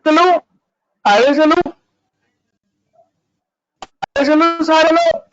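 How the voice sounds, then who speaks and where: High-voiced teacher on a choppy, glitchy call. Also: male voice, huge pitch swings, very slow, a bit bright. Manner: asks students questions by name. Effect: choppy, cutting-out call audio. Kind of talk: online class lecture. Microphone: video call. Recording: dull lo-fi online call audio.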